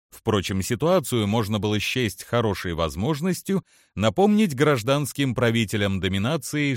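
A man narrating an audiobook with expressive, lively storytelling. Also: mid-range voice, no echo, clean studio sound. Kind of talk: scripted narration.

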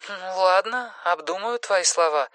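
An anxious middle-aged woman in an audiobook speaks quietly and softly, her voice pitched high and rising with worry, as a male narrator puts her on. The sound is close and dry, with no room around it. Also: a little slow, no echo. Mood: worried. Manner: soft, worried, rising pitch.

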